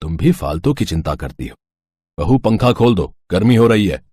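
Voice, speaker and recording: Cartoon husband, middle-aged, calm and lively-voiced, a man acting it. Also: lowish voice, moderate pace, husky, dry recording. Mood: easygoing.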